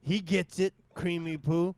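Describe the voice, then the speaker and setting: A man playing a tabletop game, loud and excitable, swearing freely. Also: high voice, a little slow, no echo. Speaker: player.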